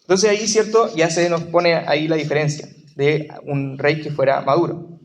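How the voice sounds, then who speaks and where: Conversational Chilean lay preacher, higher voice. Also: male voice, steady tone, moderate pace. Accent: Chilean Spanish. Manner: conversational teaching, constant tag questions. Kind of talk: sermon.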